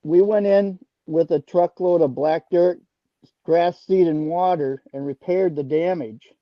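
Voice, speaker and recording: A man's voice: on the high side, a little slow, no echo. An older man from Wisconsin calling in over the phone to a talk stream, speaking in an earnest, plain-spoken way as a detecting club founder. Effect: heard over the phone. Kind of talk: casual call-in chat. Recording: dull dry phone audio.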